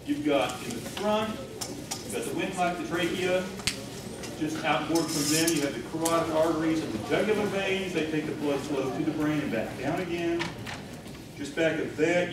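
A man's voice: on the high side, heavy reverb, noisy background. A man giving a blunt, matter-of-fact keynote lecture with demonstrations in a large hotel meeting room, recorded by a far camera. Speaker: keynote speaker. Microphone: far camera, no visible mic.

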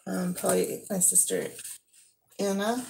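This is poor audio with a little hiss or hum: a thirtysomething woman vlogging a thrift haul at home in her living room, chatting casually and describing each item in hand. Her voice sits at medium pitch, with vocal fry, a slightly mellow quality and fairly even intonation. She takes her time, trailing off while she handles things.

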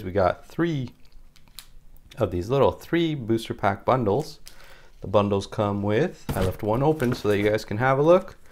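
A man hosting a casual, upbeat card-opening and giveaway vlog, chatting directly to viewers and often repeating his phrases. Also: lowish voice. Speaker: YouTube host of a trading card channel.

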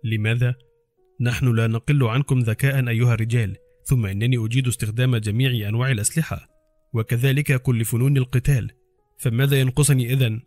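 A man voicing a calm, defiant young female intelligence officer in an audiobook, speaking in a hushed, level way. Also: medium pitch, fast, faint music behind, voice pushed down, natural voice.

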